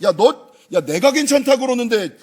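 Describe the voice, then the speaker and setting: A man's voice: very high-pitched, sing-song, normal speed, breathy edge, voice pushed up, full character voice. A man voicing God as a blunt, familiar figure who brushes off a believer's guilt. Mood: brusque. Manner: brusque and familiar, calls out "야". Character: blunt, reassuring God scolding a doubting believer.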